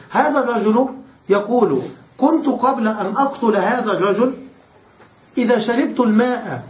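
High-voiced man teaching grammar in a roomy space. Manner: explains step by step, often checks the students understand. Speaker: sheikh teaching Arabic grammar. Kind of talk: classroom lesson. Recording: roomy, dull lo-fi lecture recording.

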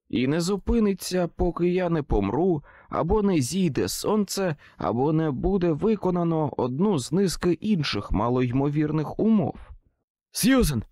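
Brief: male audiobook narrator, dramatic, lively pitch, dry close mic. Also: no room sound. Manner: expressive, dramatic storytelling. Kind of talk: first-person audiobook narration.

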